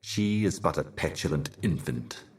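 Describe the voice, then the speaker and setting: An actor playing a solemn otherworldly herald of cosmic horrors in a video game, speaking in an ominous, grandiose and cryptic theatrical manner. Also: male voice, very deep voice, expressive, moderate pace, a little hiss or hum. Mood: solemn, brooding. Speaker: game character, messenger and guardian.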